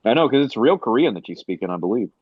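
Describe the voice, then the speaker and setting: Man, podcast host, casual chat, mid pitch, dry lo-fi sound. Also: very animated, fast, no room sound. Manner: laughs often, leads the discussion. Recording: dry, dull lo-fi mic.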